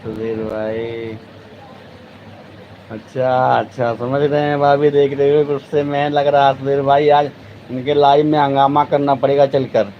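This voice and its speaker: A man chatting on a live stream, playfully teasing and calling out his viewers in loose, easy banter. His voice is mid-pitched and the audio sounds a little dull, with faint passing traffic behind him. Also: level tone, a little slow.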